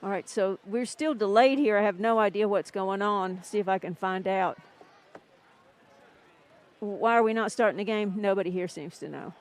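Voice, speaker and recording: A woman's voice: medium pitch, normal speed. Woman radio announcer reading off stats. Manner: chatty, rattling off game stats. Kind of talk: radio game broadcast, filling a delay.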